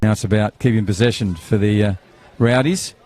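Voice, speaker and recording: A man's voice: fairly low pitch, fairly quick, a little mellow. A man, commentating live on a football match outdoors, chatty and rambling, with banter and fillers.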